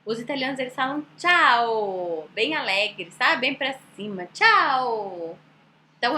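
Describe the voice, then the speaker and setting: A woman's voice: high voice, sharp tone. A woman with a Brazilian Portuguese accent teaching an online language lesson, explaining patiently and asking rhetorical questions. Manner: explanatory, with rhetorical questions and slow demonstrations of words. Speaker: Italian teacher.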